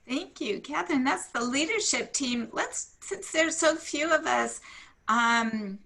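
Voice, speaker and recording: Woman, meeting chair, high bright voice, gravelly edge, friendly, video call. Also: takes it slowly. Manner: friendly, calls on people in turn.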